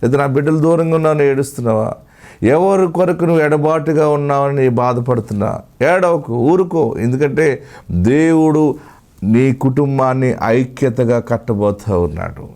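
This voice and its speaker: A man's voice: medium pitch, lively intonation, unhurried, darkish tone. A male pastor delivering a pleading, repetitive sermon, drawing out emphatic phrases, with a Telugu accent.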